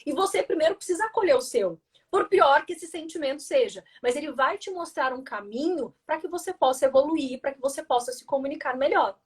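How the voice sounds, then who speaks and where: Hosting a live stream with a Brazilian Portuguese accent, this woman, a journalist, host and communication coach, talks through ideas about feelings and reads out viewer comments, encouraging her audience like a teacher. Her voice is high, expressive and a little fast.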